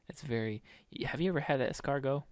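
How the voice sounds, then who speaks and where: A man in a casual podcast chat who rambles through his stories with plenty of fillers and easy laughs. His voice sits at a middle pitch, recorded close and dry with no room sound. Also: dry recording. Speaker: podcast co-host.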